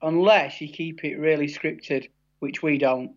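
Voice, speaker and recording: A man's voice: fairly high pitch, steady tone, measured pace. A man with an English accent, chatting casually as an interview guest. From England. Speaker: interview guest, tribute act singer. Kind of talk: casual chat. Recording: dull, band-limited sound.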